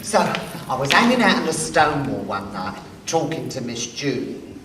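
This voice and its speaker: A man's voice: medium pitch, sing-song, normal speed, bright, forceful tone. An actor playing a seasoned, sassy drag queen who tells a story in a campy, drawling, streetwise way on stage. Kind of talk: stage monologue. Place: live performance stage. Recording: echoey hall, distant mic, faint noise.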